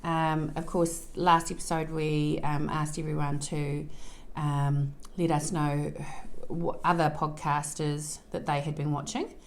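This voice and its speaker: Low-voiced woman with a broad Kiwi accent. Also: level tone, measured pace, slight background noise. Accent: broad New Zealand (Kiwi), southern South Island. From New Zealand, South Island. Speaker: co-host of a knitting and crafting podcast. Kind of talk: casual unscripted co-host chat.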